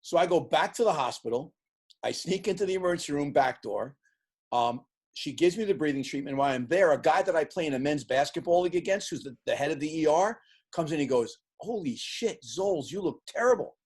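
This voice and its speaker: A man in his sixties, an interview guest who tells lively stories and acts out the voices of the people in them. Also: on the high side, fast talker, husky. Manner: animated storyteller acting out quoted voices. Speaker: interview guest, sports team executive. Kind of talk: casual storytelling in an interview.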